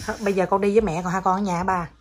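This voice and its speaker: In a casual home vlog, a mother with a Southern Vietnamese accent teases and coaxes her toddler with playful baby talk. Her medium-pitched voice is level, slightly rough, and rapid-fire.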